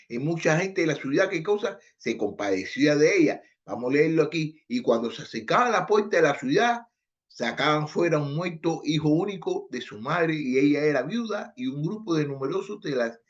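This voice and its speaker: A man preaching a Bible lesson, his fairly high voice rising and falling a lot as he reads and explains scripture. He throws rhetorical questions at the listeners and repeats his phrases. The recording sounds dull and lo-fi. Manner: repeats phrases, restarts words. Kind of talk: Bible teaching.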